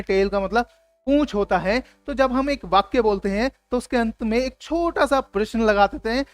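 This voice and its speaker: A man's voice: high voice, no room sound. A man teaching an English grammar lesson for his video channel, explaining emphatically and acting out example phrases.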